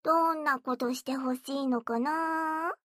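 A woman whispers as a teasing young stepsister, drawing out her taunts in a high voice with fairly even intonation, slow and playful. Her manner is coy, giggly and coaxing, captured in a close, dry recording without any room around it.

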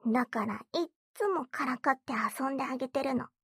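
A woman's voice: high-pitched, fairly quick, fairly bright tone, slightly rough, dry recording, clean studio sound, exaggerated voice. A woman voicing a bratty, teasing young stepsister girl in a whispered role-play, taunting and giggly as she coaxes.

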